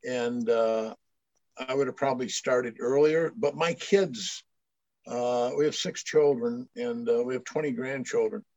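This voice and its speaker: A man's voice: mid-range voice, unhurried, a little mellow, dry recording. An older man from Maine, a guest telling stories in casual chat, rambling with many restarts. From Maine, USA. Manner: rambling storyteller with frequent restarts. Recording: dull lo-fi dry sound.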